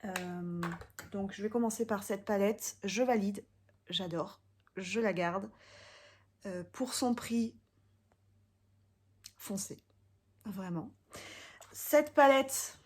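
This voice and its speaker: A young woman from France talks straight to camera, reviewing makeup in a relaxed vlog. She is chatty and a little hesitant, filling her thoughts with pauses and fillers as she weighs each product. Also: mid-range voice. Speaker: beauty vlogger.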